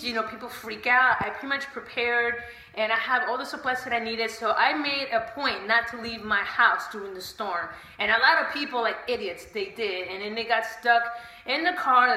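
A woman's voice: fairly high pitch, bright, forceful tone, reverberant, low-quality recording. A woman in her thirties from Puerto Rico, talking candidly and bluntly to her phone camera in a casual home vlog. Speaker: fitness vlogger. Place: small bright room of a house, home gym. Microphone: phone camera held at arm's length.

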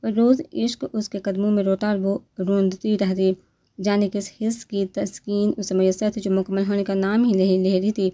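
Female audiobook narrator, mellow mid-pitched voice, steady dramatic read. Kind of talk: reading a romance novel aloud.

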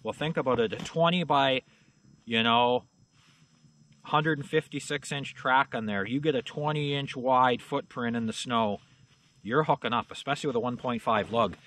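Outdoors in a snowy yard, a folksy man hosting a channel rambles casually through a walkaround of snowmobiles. He speaks plainly at normal speed in a mid-range, slightly bright voice, leaning on "you know" and "uh." There's slight background noise.

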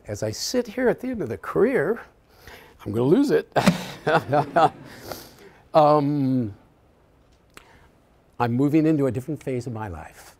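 A man in his sixties from the US Midwest, a retiring professor telling heartfelt stories in a farewell lecture, reflective and halting. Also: medium pitch, creaky, mellow. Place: lecture hall.

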